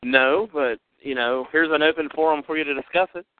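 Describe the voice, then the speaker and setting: This podcast host's fairly high voice comes through a narrow, dry phone line with a little hiss or hum. He talks briskly and casually, chatty and upbeat, rambling with lots of fillers.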